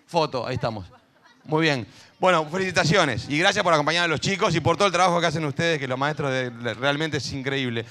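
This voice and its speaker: A man hosting a school event on stage, chatting and joking with teachers and kids, cheering one moment and dropping into low asides the next. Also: quick pace, pushed and bright. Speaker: event host.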